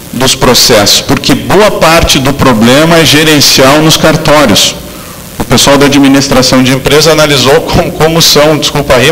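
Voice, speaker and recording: A man's voice: mid-range voice, fairly bright tone, long reverb tail, poor audio. A man from southern Brazil giving an academic law lecture, speaking with frequent fillers and restarts. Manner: hesitant, many fillers and restarts.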